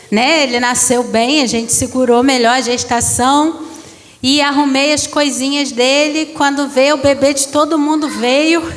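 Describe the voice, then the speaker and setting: A woman's voice: high-pitched, fairly bright tone. A woman in her thirties preaching a personal testimony to a congregation, telling her story with emotion. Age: 30s. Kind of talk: testimony sermon. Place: church hall. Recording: long church reverb.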